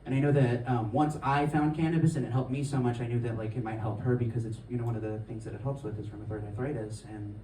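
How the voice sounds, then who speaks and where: A man's voice: mid-range voice, fairly even intonation, fast, hardly any pauses, mellow, slight background noise. A man performing a stand-up comedy set on stage, telling stories in a rambling, conversational way with lots of filler words. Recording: echoey room, mic at a distance.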